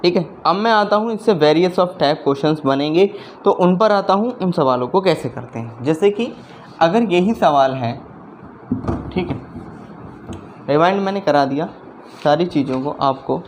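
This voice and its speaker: A man teaching a math lesson in a slow, deliberate way. He repeats his steps and keeps checking that the viewer is following along. There is faint noise behind his voice. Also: fairly high pitch, animated. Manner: slow, repetitive explaining, often checking understanding.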